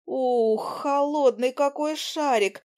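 A fussy, nosy little fly girl from a storybook, pitched high above the reader's own voice and stretching her words out slowly and dramatically, as a woman narrator puts her on. She is chatty, gossipy and easily flustered. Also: darkish tone.

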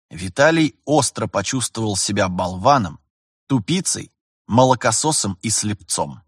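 Husky guy reading a sci-fi audiobook, wry and chatty, dry close sound. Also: medium pitch, dry recording. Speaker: audiobook narrator. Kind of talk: scripted narration.

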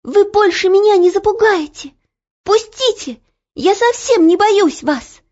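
A woman's voice: high-pitched, slow, dark tone, pitched above the performer's own voice. A woman voicing a brave little girl who talks in a breathless, defiant voice. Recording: dull lo-fi audiobook recording.

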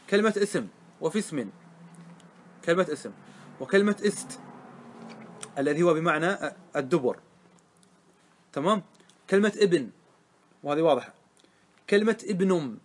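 A man teaching a classroom grammar lesson, explaining step by step and often asking his listeners if it is clear. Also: on the high side, animated, moderate pace, long pauses, a little hiss or hum. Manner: asks the class questions and answers them himself.

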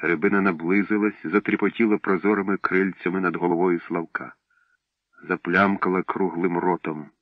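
Low-voiced man reading a storybook. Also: steady tone, dry recording. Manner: measured, unhurried. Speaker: narrator. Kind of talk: audiobook narration. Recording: dull dry recording.

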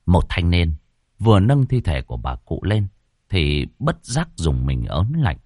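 A man narrating a ghost story, dramatic and slowing down for suspense. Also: sits low, very animated, darkish tone, no echo, studio quality.

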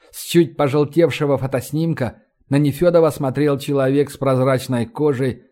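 A man narrating an audiobook in an even, measured reading. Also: mid-range voice. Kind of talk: scripted narration.

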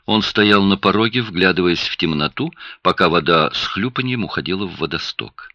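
A man narrating an audiobook in an expressive, dramatic reading style. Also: deep voice, moderate pace, no room sound. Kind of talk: scripted narration. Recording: dry, dull lo-fi sound.

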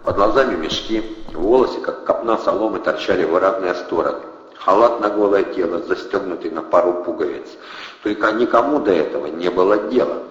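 A man narrating an audiobook with steady storytelling. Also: low-pitched. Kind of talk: scripted narration. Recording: dull, roomy, long reverb.

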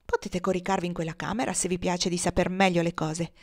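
A woman reading the part of a calm, cunning enslaved woman who speaks with icy mockery. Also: fairly low pitch. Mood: mocking. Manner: icy and mocking, slow and quiet.

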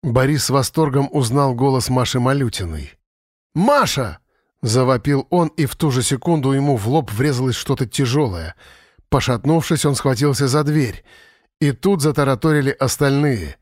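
A man's voice: mid-range voice, moderate pace, a little mellow, no room sound. Man narrating in a dry close voice. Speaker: audiobook narrator. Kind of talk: scripted narration.

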